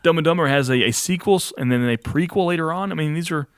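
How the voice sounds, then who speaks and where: A man's voice: fairly high pitch, fast talker, smooth, no room sound, clean studio sound. A man co-hosting a casual podcast chat, telling stories with lots of laughter. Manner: laughs often, animated storytelling. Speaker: podcast co-host.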